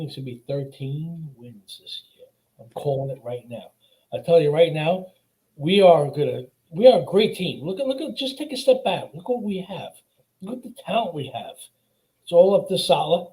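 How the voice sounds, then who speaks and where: A man's voice: fairly high pitch, animated, normal speed, mellow, poor audio. An emphatic man from New York calling in to a sports show, talking casually and swearing freely. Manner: emphatic, profane, repetitive. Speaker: caller. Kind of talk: casual sports fan talk.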